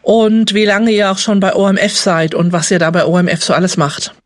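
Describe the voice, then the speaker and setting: A woman's voice: mid-range voice, brisk, no echo. A woman hosts a podcast interview and asks her questions in a friendly, casual way. The recording is dry and close, with no room sound.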